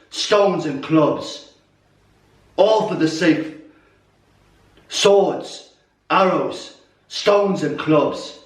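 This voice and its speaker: A proud, wounded warrior king , acted by a man, addresses his troops in a theatrical monologue. He speaks slowly and declaims with weighty pauses. The voice sits back from the microphone in a strongly reverberant room. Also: on the high side. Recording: roomy echo, distant mic.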